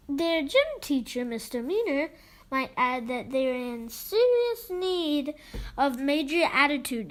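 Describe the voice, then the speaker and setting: With a high voice, a child reads aloud from a children's book expressively but haltingly, tripping over some words.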